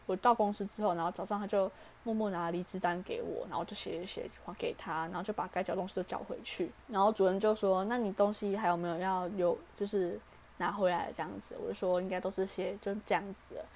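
A young woman with a Taiwanese Mandarin accent hosts a podcast and chats through a personal story at a quick clip. She talks fast and plays out the lines of the people in the story as she goes. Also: medium pitch, steady tone, darkish tone. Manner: chatty, acts out quoted dialogue. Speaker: podcast host. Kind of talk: casual storytelling.

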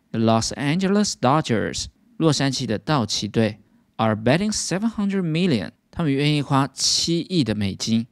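A man's voice: medium pitch, no echo, studio quality. A man with a Taiwanese Mandarin accent teaching English news vocabulary, explaining each word steadily and stressing the English terms.

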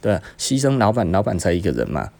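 A podcast host with a Taiwanese Mandarin accent, a man whose voice sits low, with a gravelly edge. His tone is dark and mellow. He tells his stories in an animated way, chuckles often and keeps asking his listeners to agree. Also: fast talker. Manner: animated, chuckling, frequent tag questions. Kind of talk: casual storytelling chat.

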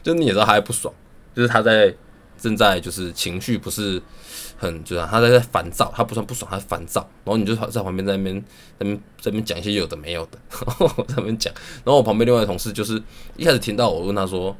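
A man's voice: on the low side, quick pace. A young man with a Taiwanese Mandarin accent, telling a rambling story in casual monologue, swearing freely and laughing at his own jokes.

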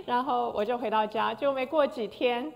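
Gravelly older woman telling an emotional story. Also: a little high, normal speed. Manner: emotional storytelling with frequent hesitations. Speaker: concert pianist. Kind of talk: personal testimony. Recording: long hall reverb.

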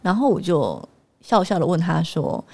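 A woman's voice: lowish voice, very animated, moderate pace, gravelly, a little mellow. A woman telling a story in a casual vlog, chatty and hesitant, full of fillers and restarts. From Taiwan. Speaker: vlogger and mother.

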